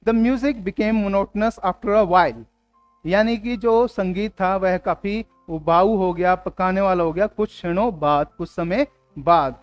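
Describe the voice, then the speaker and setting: High-voiced man teaching vocabulary. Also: no room sound, highs cut off, faint music behind. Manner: explains in Hindi, reads English words and sentences slowly; asks the class rhetorical questions. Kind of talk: exam-prep vocabulary lesson.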